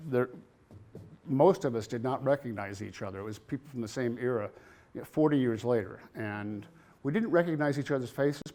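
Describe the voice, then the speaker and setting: Older man in his 60s, mid-pitched, reminiscing to a gathering, halting with lots of ums, chuckles now and then. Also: a little mellow. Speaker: alumnus speaking at an anniversary gathering. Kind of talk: personal reminiscence speech. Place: campus ministry house at a celebration.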